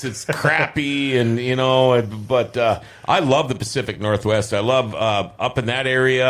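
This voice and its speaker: Chatty Minnesota man hosting a radio talk show. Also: mid-range voice. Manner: chatty, rambling, quick to joke. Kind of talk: casual studio chat.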